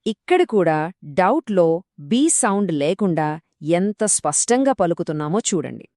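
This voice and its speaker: A woman's voice: fairly low pitch, big pitch swings, measured pace, darkish tone, dry recording, clean studio sound. A woman co-teaching a scripted pronunciation lesson, encouraging listeners and stressing common mistakes.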